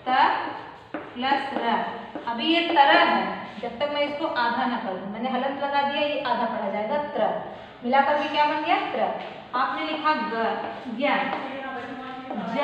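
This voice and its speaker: A woman's voice: high voice, highs cut off. A woman teaching a grammar lesson to children, asking questions and answering them herself. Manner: calls the pupils "child" and repeats key terms. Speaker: school teacher. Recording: very echoey room, faint background noise.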